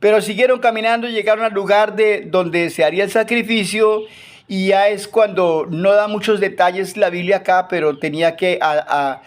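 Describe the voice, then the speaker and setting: Emotional man preaching a Bible lesson. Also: high voice. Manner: emotional retelling, pausing with fillers. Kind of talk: Bible teaching.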